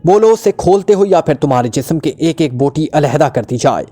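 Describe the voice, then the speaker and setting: A merciless killer speaks with icy calm menace, as a man reads him. The voice is dark and mellow yet sits a little high. Every word lands cold and threatening, in the manner of a storybook villain. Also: fairly quick. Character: cold ruthless male killer King.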